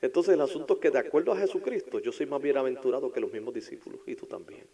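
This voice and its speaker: Male pastor, mid-pitched, preaching; hushed asides building to impassioned climaxes. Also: lively intonation, quick pace, poor audio. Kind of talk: sermon.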